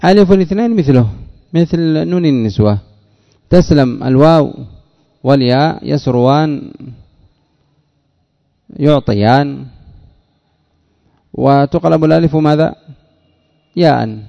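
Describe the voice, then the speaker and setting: A man teaching a grammar lesson, asking questions and answering them himself and repeating key words slowly. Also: fairly high pitch, creaky, mellow. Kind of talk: Arabic grammar lesson explaining a text. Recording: dull lo-fi recording.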